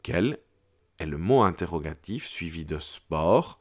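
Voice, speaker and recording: A low-voiced man teaches schoolchildren, unhurried and deliberate. His pitch swings widely as he stresses each example, and he keeps his phrasing clear and patient. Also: animated. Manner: slow, clear, explaining with exaggerated intonation on examples. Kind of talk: grammar lesson for children.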